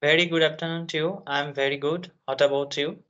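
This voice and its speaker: A man from Bangladesh, a nursing student, speaking haltingly and searching for words in a conversation practice call. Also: fairly high pitch, fairly even intonation, pushed and bright. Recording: dull lo-fi sound.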